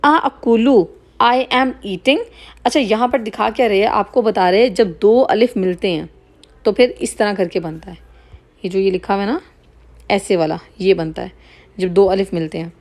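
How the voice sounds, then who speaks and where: A woman teaching Arabic vocabulary, saying each word slowly, repeating it and explaining its meaning. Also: medium pitch. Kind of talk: slow explanatory lesson, mixing Hindi-Urdu and English.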